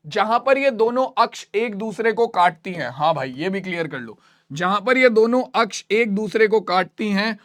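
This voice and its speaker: Man, high voice, math teacher, repeats and quizzes students. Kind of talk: classroom math lesson.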